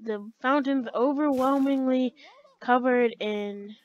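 A woman's voice: high voice, takes it slowly, muffled recording. A woman giving chatty let's play commentary, talking to herself and to the game's characters. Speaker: gaming channel host.

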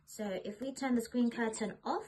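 A woman's voice: fairly high pitch, moderate pace, darkish tone, slightly rough, dry recording. A young adult woman giving an explanatory talk as a presenter, recorded indoors in a living room. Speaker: presenter demonstrating phone accessibility.

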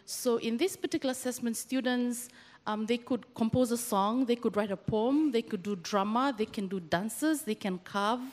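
A woman's voice: a little high, normal speed. A woman from Fiji, a university lecturer, speaking earnestly into a handheld mic from the audience, with many restarts. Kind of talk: speaking from the floor at a workshop. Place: large semi-open hall with audience. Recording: long hall reverb.

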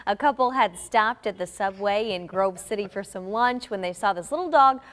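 A woman's voice: mid-range voice, moderate pace, a bit bright. A woman news anchor reading a light story, repeatedly breaking into laughter. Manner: reading a story while giggling.

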